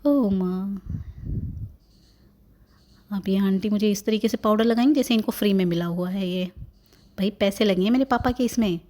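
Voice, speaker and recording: A woman's voice: mid-range voice, moderate pace, pauses often, mellow, natural voice. A woman voicing a sassy, complaining newborn baby girl, narrating a family vlog in a playful, teasing voice-over. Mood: cheeky.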